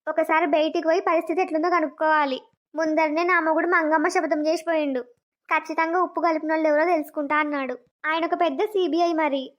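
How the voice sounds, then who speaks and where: Woman doing a squeaky scheming sister-in-law. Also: lightly acted. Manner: sly, then loudly self-pitying denials. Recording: dull lo-fi cartoon audio.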